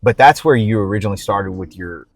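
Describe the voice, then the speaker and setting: A man's voice: on the low side, no echo. Laid-back male podcast host, dry sound. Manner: laid-back, chatty, laughs along, quick affirmations. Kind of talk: casual podcast conversation.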